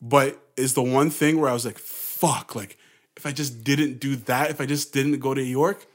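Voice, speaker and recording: A man's voice: medium pitch, steady tone, normal speed. A man talks in a loose, casual way. He is blunt and full of slang, and he swears as he shares his views with friends. He is recorded in a basement. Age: 20s. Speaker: podcast co-host and musician. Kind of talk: casual chat.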